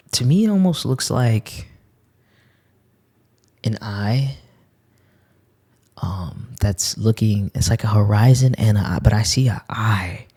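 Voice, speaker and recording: A man with a gravelly, husky voice gives a motivational spiritual talk. He speaks earnestly and reflectively, circling back to the same phrases to drive his point home. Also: on the low side, dark tone. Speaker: spiritual vlogger reading cards.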